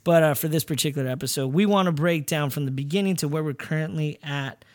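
A man hosting a podcast, chatty and halting as he interviews a guest. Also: a little high. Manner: chatty, halting, with many restarts. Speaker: podcast host.

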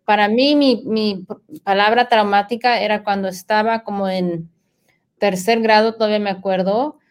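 A woman hosts a relaxed interview and offers thoughtful, encouraging remarks to her guest. Her voice sits at a moderate, everyday pitch. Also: normal speed. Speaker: host. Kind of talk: casual interview chat.

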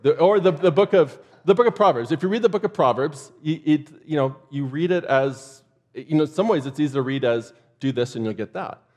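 A man's voice: on the high side, darkish tone. A man preaching a sermon in a church, conversational and loose, with joking asides to the congregation. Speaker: pastor.

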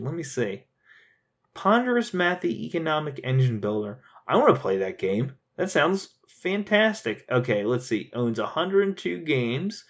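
Guy rambling about board games, lots of laughs and restarts, kinda dull lo-fi sound. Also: fairly high pitch. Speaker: board game reviewer reading user reviews. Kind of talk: casual chat.

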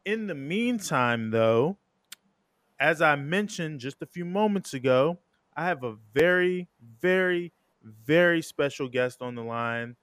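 A man's voice: on the high side, expressive, measured pace, fairly bright tone, no echo. A man hosting an interview podcast, talking informally and conversationally, rambling a little and correcting himself as he goes. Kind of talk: casual, conversational show introduction.

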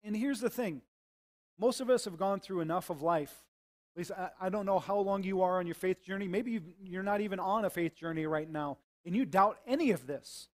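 High-voiced man preaching a sermon. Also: a little fast. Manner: earnest, conversational preaching. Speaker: pastor. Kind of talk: sermon with prayer and scripture reading.

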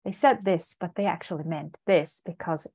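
A young woman from Ukraine, a native Azerbaijani speaker, appears as a data scientist guest in a casual interview. Her lowish, mellow voice moves at a moderate pace, hesitant and full of fillers and restarts.

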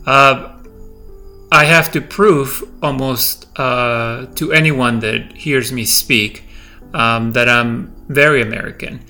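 A Peruvian podcast host, middle-aged with a light Spanish accent, works through a personal, reflective monologue slowly and hesitantly, full of fillers, pauses and restarts. His medium-pitched voice is gravelly and bright with some edge, its intonation fairly even. Soft music plays faintly beneath him.

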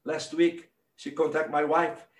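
A man's voice: on the high side, level tone, measured pace, echoey room. A man from Brazil with a Brazilian Portuguese accent and Portuguese as his first language, preaching a sermon emphatically and speaking straight to his listeners. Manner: emphatic, building to impassioned shouts, direct address to listeners. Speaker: pastor.

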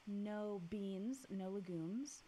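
A young adult woman co-hosting a podcast in casual chat, upbeat and quick to laugh. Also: mid-range voice, warm tone, low-quality recording. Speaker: podcast co-host. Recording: faint hiss.

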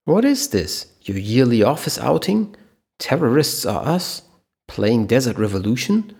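A man's voice: mid-range voice, sing-song, measured pace, vocal fry, a little mellow, breathy edge, exaggerated voice. A man voicing a defiant male captive in a thriller story, sarcastic and angry toward his captor. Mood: mocking.

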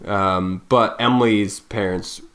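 A man's voice: on the low side, fairly even intonation, slow pace, a bit bright. A man in his thirties co-hosting a podcast, talking loosely and musing, often trailing off and restarting. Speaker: podcast co-host. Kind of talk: casual chat.

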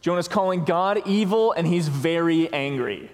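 A man preaching a sermon as pastor, slow and deliberate, pausing for emphasis on key words. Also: fairly high pitch. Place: church sanctuary. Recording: long reverb of a church hall.

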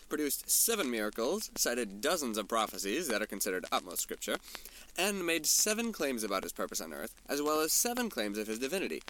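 A man voicing a brisk, formal 1940s radio news announcer, with an old-time radio filter on his voice. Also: mid-range voice, sharp tone, slight background noise, poor audio.

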